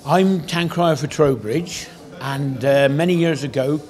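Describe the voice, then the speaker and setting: A man's voice: fairly high pitch, a little slow, darkish tone. An older man from the Cotswolds in England, a town crier, talking casually in an interview.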